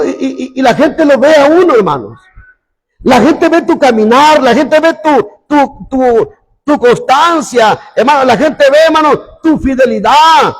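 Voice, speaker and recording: A male pastor preaching a fervent sermon, drawing his words out slowly, calling his listeners brother again and again and breaking into shouts. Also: very high voice. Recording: long hall reverb.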